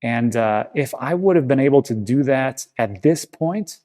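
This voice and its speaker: A man's voice: mid-range voice, lively intonation, normal speed, dark tone. A man hosting his own crypto video channel, talking casually to camera in a rambling, reassuring way with frequent restarts.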